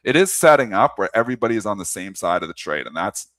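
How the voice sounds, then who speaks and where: A man's voice: lowish voice, sing-song, fast, fairly bright tone, no room sound. A man co-hosting a market talk show, ranting with passion and hammering his points through repetition.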